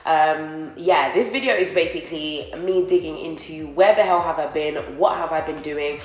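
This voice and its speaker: A deep-voiced young woman speaks at a moderate pace in a chatty makeup vlog, talking to viewers as friends and sounding a little nasal from a recent cold. She's in an indoor co-working space, and the rough recording carries an echoey room sound.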